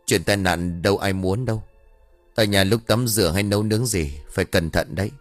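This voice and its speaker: A man's voice: fairly low pitch, brisk, no echo, soft background music, close to an everyday voice. A man voicing a young man, a blunt and bossy elder brother with a scheming streak. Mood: brusque.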